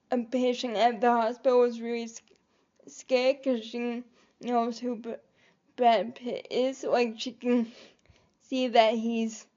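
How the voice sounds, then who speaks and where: Slow, rambling woman vlogger with dark tone. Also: a little high, lo-fi sound. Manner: rambling, hesitant, many fillers and restarts. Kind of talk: reflective personal vlog.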